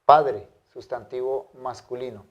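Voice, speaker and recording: A man teaching a language lesson, modeling pronunciation carefully and repeating words slowly for his students. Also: mid-range voice, fairly even intonation. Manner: careful, drawn-out pronunciation drills. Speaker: Greek teacher. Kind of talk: slow, deliberate language lesson.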